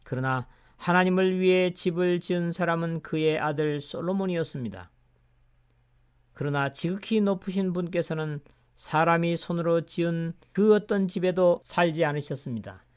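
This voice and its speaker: A man reads scripture in a measured, solemn way. His voice is smooth and resonant, pitched slightly high. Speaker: scripture reader. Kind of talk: scripture reading.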